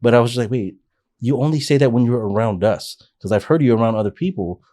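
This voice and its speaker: This fast-talking podcast guest, a man in his forties, has a mellow voice of medium pitch. In a relaxed life-story interview he rambles earnestly through his past, frequently starting over mid-thought.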